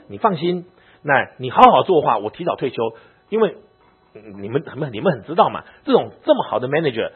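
A man who is a pastor, telling a personal story in a sermon in an animated, emotional way. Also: mid-range voice, husky. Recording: narrow phone-like audio.

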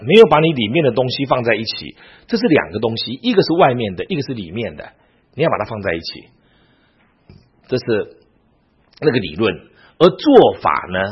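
A man's voice: mid-range voice, slightly rough, highs cut off. A man teaching a Bible class in a sermon style, asking his listeners frequent rhetorical questions.

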